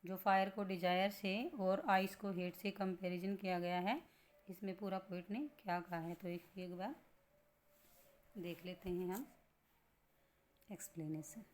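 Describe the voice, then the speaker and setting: A woman teaching a lesson. She explains slowly and patiently, repeating points and asking rhetorical questions. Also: lowish voice, fairly even intonation.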